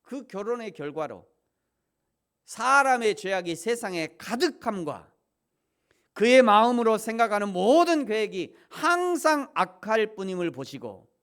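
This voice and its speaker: A middle-aged man preaching a sermon as pastor, shifting between hushed asides and loud emphatic peaks, and acting out quoted voices as he tells stories. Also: sits high, sing-song, a little slow. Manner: acts out quoted voices in a playful storytelling way.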